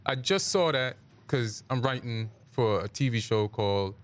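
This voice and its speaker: A man's voice: mid-range voice, animated, moderate pace. Casting: easygoing male comic in his forties, from Jamaica, chatty storyteller, studio interview. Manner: laid-back storyteller, laughs through his lines. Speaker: comedian guest. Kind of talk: casual interview chat. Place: radio studio.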